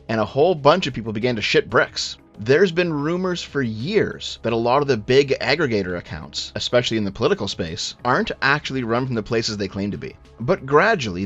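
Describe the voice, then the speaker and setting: Man commentating over muffled, low-sample-rate audio. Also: a bit bright. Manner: blunt, sweary, sardonic. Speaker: video commentator. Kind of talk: casual scripted commentary.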